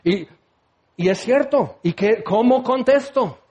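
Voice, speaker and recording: A man's voice: extremely high pitch, animated, takes it slowly, a little mellow, lo-fi sound. A man preaching a sermon with passion, putting direct questions to his listeners and acting out the words of biblical figures.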